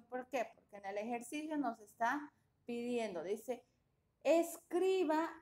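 Female English teacher, slightly high, unhurried, patient online-class delivery. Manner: slow, patient, checks in with students often.

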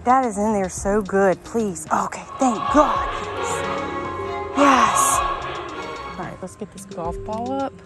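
A woman, chatting excitedly to viewers while filming a fishing trip outdoors on a rocky riverbank. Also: medium pitch, slow pace, pauses often. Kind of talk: casual outdoor vlog narration. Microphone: action camera worn on the body. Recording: background music over outdoor audio.

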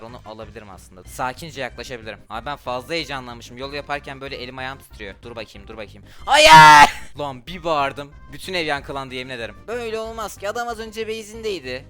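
A man giving excited gameplay commentary from home, trash-talking opponents and talking to his viewers. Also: mid-range voice. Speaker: gaming YouTuber.

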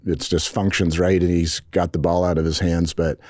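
A middle-aged man answering reporters as head coach at a post-game press conference, measured and frank, with many restarts and fillers. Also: low-pitched, flat delivery, a little mellow, no echo. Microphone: table mics in front.

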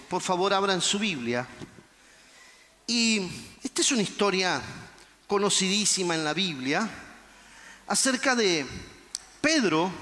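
Fervent high-voiced male preacher. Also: long reverb tail. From Argentina. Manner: fervent preaching, shouts and acted-out quotes. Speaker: pastor. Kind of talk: sermon.

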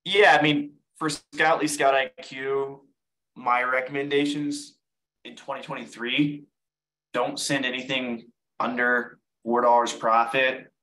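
A man's voice: mid-range voice, level tone, unhurried, pushed and bright, rough recording. Casual man teaching a live webinar. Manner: casual, repeats words while explaining. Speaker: online seller giving a webinar.

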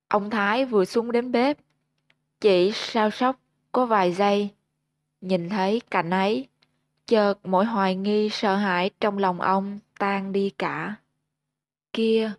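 A woman's voice: medium pitch, no echo. Woman narrating a ghost story, dry close voice. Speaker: storyteller and channel host.

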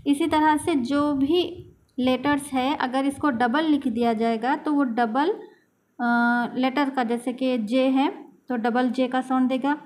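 Woman, high voice, slow tutorial talk, repeats each sound. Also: steady tone, a little mellow. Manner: slow, repetitive, pausing to sound out letters. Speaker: language teacher. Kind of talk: casual tutorial explanation.

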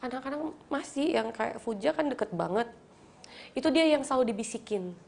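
Brief: woman guest, thirties, gravelly and soft, reflective storyteller. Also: a little high, animated, a little fast, slight background noise. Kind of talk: casual chat.

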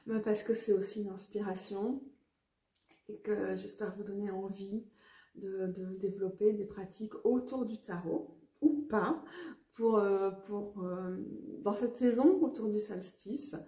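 A French woman talks casually to her viewers, chatty and quick to poke fun at herself. Her voice is mellow and dark. The sound is roomy, with a clear echo around her. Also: medium pitch. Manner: chatty, self-mocking, laughs often. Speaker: tarot vlogger. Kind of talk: casual talk to camera. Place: outdoors near a garden with birds.

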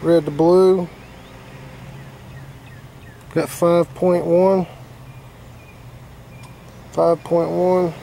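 Outdoors beside an air-conditioning unit, an HVAC technician walks through a repair step by step in a plain, casual way with many fillers. His fairly high, gravelly voice has a level, dark tone, very slow with frequent pauses, and there's a little hiss or hum.

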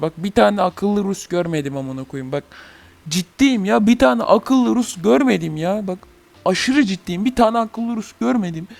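A man's voice: high voice, creaky, darkish tone. A young man hosting a gaming channel, ranting heatedly and swearing in a casual chat about a game.

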